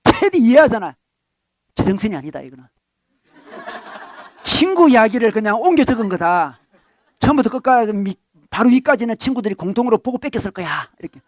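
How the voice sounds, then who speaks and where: A man's voice: high voice, no room sound, studio quality. A male pastor giving a sermon in a conversational tone, asking the congregation rhetorical questions and chuckling between points.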